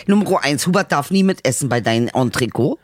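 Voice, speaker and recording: A man co-hosting a casual podcast, talking loudly and teasing his co-host playfully. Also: fairly high pitch, lively intonation, a little fast, no room sound, clean studio sound. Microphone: studio microphone.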